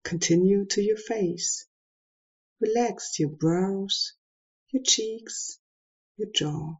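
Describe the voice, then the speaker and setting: A woman leading a guided meditation, giving soft, calm instructions with long pauses. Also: mid-range voice, slightly rough, lo-fi sound.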